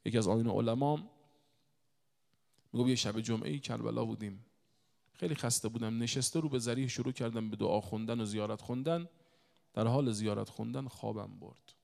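Male preacher, gravelly voice, sermon with recited verse, reverberant large hall. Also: mid-range voice. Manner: swells from soft storytelling to loud emotional appeals. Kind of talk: religious sermon with recited poetry.

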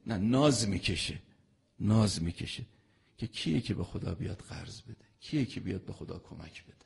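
A man preaching a religious sermon, telling stories with loud emphatic lines and soft, intimate ones. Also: low-pitched, gravelly.

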